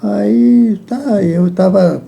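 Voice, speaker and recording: An older man, talking as an interview guest. His voice is fairly high for a man, strongly gravelly and dark. He speaks haltingly, repeating words and chuckling as he remembers. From Rio Grande do Sul, Brazil. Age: 80s. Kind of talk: reminiscing in a casual interview.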